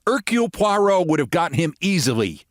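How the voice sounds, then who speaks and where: A man's voice: high-pitched, big pitch swings, fairly quick, dry recording, clean studio sound, voice pushed up. A man reading a humorous short story, voicing a chatty, emphatic, opinionated woman. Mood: knowing, confident. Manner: emphatic, gossipy, matter-of-fact certainty. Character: opinionated, chatty American woman, avid detective-story fan.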